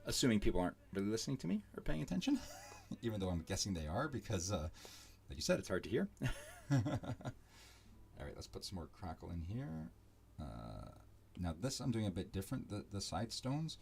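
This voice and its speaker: A man's voice: on the low side, very animated, fairly quick, vocal fry, darkish tone, slight background noise. A man giving casual, rambling commentary into a desk microphone while he draws digital art on a live stream. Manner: rambling, chatty and self-deprecating. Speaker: digital artist streaming his work. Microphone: desk microphone with a level meter.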